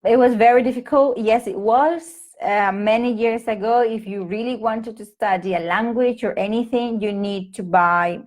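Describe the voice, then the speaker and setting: On a home live stream for English teachers, a Peruvian woman in her thirties chats loosely, with a Peruvian Spanish accent, many fillers, and frequent restarts. Her slightly high voice has a darkish tone, at a moderate pace with few pauses, picked up by a laptop or phone mic.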